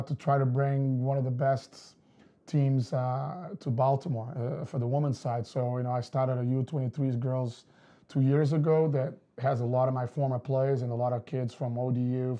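A man, a soccer coach explaining his methods in an interview, measured with many fillers. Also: mid-range voice, dark tone. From Portugal. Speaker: girls' soccer coach, guest. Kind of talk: casual interview talk. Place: studio set with wood backdrop.

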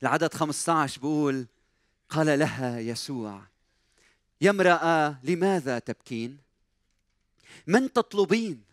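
A man with a Lebanese Arabic accent preaching a sermon in a church, swinging from hushed soft lines to loud emphatic cries. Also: on the high side, expressive, normal speed, long pauses, dry recording, clean studio sound. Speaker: pastor.

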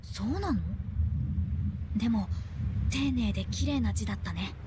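A woman voices an earnest little boy in an anime game. The pitch is high and the manner gentle, polite and tentative. There is faint noise behind the voice. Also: unhurried, lightly acted. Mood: curious, tentative.

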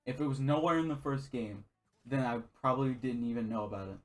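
A man's voice: mid-range voice, quick pace. A young man in a casual argument with a friend on a gaming video, insisting and denying over and over, swearing and breaking into laughs.

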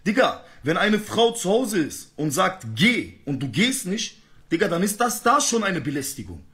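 Man, high voice, very lively pitch, heated street-slang rant, live-stream argument. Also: normal speed.

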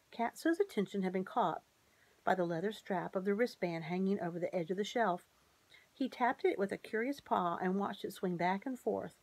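A woman reading a children's chapter book aloud in a measured, gently expressive way. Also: on the low side, no echo. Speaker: narrator. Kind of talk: storybook read-aloud.

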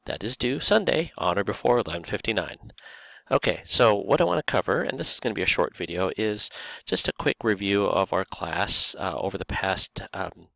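A low-voiced man with a gravelly, creaky edge walks students through a recorded course review. He talks in a relaxed way, with frequent filler words. The sound is dry and close, with no room echo. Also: moderate pace. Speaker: course instructor. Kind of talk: recorded lecture video.

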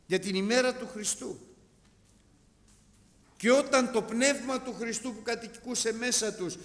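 Impassioned preacher in a hall. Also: male voice, high-pitched. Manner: impassioned, swings between shouting and quiet asides. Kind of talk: sermon. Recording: long hall reverb.

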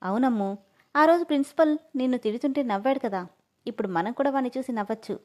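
A woman's voice: fairly high pitch, fast, a little mellow, close to an everyday voice. A woman voicing a cunning teenage schoolboy who coaxes with a sly, sweet tone. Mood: coaxing. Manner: coaxing, sly.

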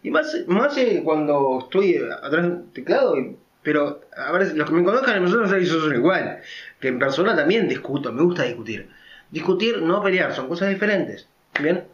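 A man giving a casual opinion monologue as a vlogger, talking loudly and emphatically and checking in with frequent tag questions. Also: a little high, big pitch swings, normal speed, reverberant, dull audio. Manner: naturally loud, emphatic speaker.

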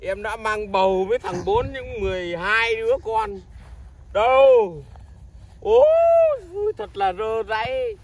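A woman playing an unhinged, clingy young woman who lurches between yelling and muttering. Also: mid-range voice, unhurried, crowd noise, lightly acted.

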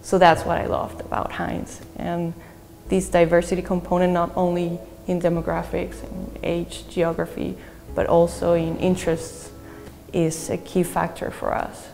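A young woman, a graduate student speaking earnestly in a measured way with thoughtful pauses in an interview testimonial. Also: lowish voice, monotone, creaky, a little mellow. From Peru. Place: bright indoor university hallway with large windows. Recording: long reverb with faint music behind.

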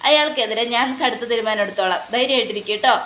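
A woman retelling a serial plays a protective old grandfather calming his grandchild. The voice stays fairly high and plain, in an echoey room with faint noise. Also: racing. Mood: reassuring. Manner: plain retelling voice, barely changed. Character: reassuring protective grandfather, older man.

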